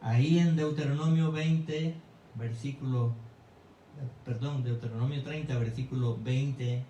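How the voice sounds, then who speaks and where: Male pastor, fervent sermon delivery, mellow tone, echoey church heard from a distance. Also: fairly even intonation, a little slow, highs cut off, a little hiss or hum. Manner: emphatic preaching with sudden pitch swings. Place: church sanctuary.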